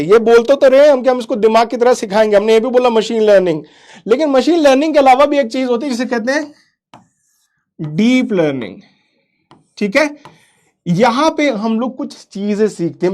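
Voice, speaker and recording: In a live online lesson for kids, a man with a very high, slightly mellow voice quizzes the chat and frequently calls students "beta." He keeps repeating "theek hai" and mixes English into his explanations.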